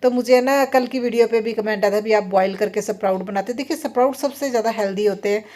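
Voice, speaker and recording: Chatty woman with a higher voice. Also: fast, a little mellow. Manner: chatty, rambling, many fillers. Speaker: vlogger, mother. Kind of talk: casual voice-over vlog narration. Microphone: phone voice-over.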